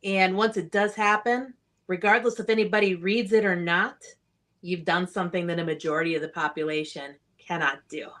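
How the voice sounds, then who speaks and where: A woman's voice: on the low side, steady tone, fairly quick, fairly bright tone. Guest, woman author; earnest, encouraging, plainspoken interview answers.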